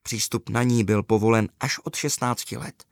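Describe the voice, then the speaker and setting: A man narrating a children's story aloud with an even storytelling delivery. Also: mid-range voice, creaky, dry recording, studio quality.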